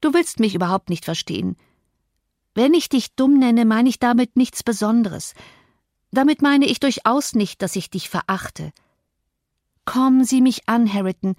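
A woman's voice: a little high, lively intonation, measured pace, a little mellow, no room sound, pitched above the performer's own voice. A woman reading an audiobook, voicing a proud, hurt young woman who pleads in tearful outbursts, in a dry recording. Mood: pleading. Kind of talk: audiobook character voice.

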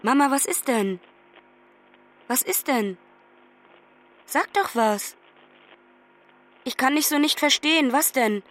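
A woman's voice: sits high, expressive, takes it slowly, long pauses, fairly bright tone, exaggerated voice. An anxious young woman on the phone. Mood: alarmed. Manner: urgent, pleading phone talk. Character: lonely young woman traveller, anxious and affectionate. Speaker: young woman phoning her mother from abroad. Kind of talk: radio play acting.

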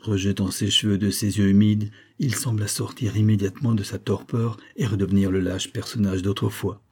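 A man reading a classic novel aloud in a measured, dramatic narration. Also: on the low side, little pitch movement, a little mellow. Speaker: audiobook reader.

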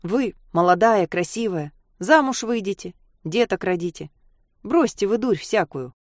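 Casting: reader doing a preachy heavy-set cabbie, lecturing. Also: female voice, mid-range voice, animated, measured pace, no room sound, studio quality, lightly acted. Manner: lecturing, persuading. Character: heavy sweaty male taxi driver, preachy.

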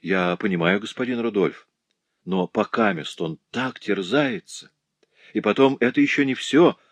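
Cast a man doing a chatty, soft-hearted young working girl for an audiobook, raised and lively over his low natural voice, dry close mic. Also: measured pace, dry recording. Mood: worried. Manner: eager, emotional chatter. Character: cheerful young working Parisian woman, tender-hearted. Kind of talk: audiobook character voice.

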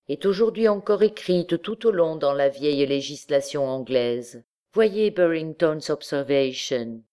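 Female audiobook reader, measured, expressive narration. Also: low voice.

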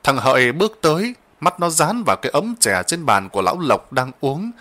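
A male storyteller narrates a ghost story in a bright, forceful voice. His pitch moves widely and his reading stays dramatic and expressive. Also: a little fast. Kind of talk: spoken horror story narration.

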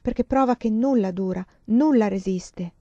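A woman voicing a calm, hopeful young woman who speaks softly and gently in a storybook reading. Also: medium pitch, moderate pace, no echo, lo-fi sound, lightly acted.

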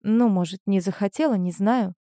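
A woman's voice: mid-range voice, normal speed, dark tone, no room sound, studio quality, natural voice. A woman reading a weary, guarded wife. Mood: subdued. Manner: subdued, guarded.

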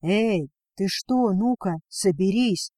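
A woman voicing a concerned grown man who speaks slowly and gently. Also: medium pitch, expressive, no echo. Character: adult man, a concerned colleague.

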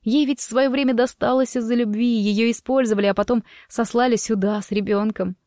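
Expressive woman narrating an audiobook. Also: fairly high pitch, brisk, no echo, studio quality. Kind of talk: scripted first-person narration.

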